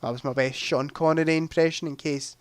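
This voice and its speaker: A man's voice: on the high side, fairly even intonation, fairly quick, clear, resonant tone, dry recording. A man hosting a live movie quiz stream, chatting casually, thinking aloud and making self-deprecating asides.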